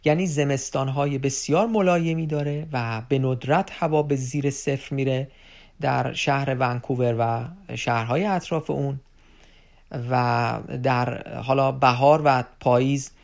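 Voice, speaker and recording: A man giving an unscripted informational talk to viewers as an advisor, addressing them as friends and pausing often on fillers. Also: mid-range voice, steady tone, creaky. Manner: unscripted explaining with many filler pauses.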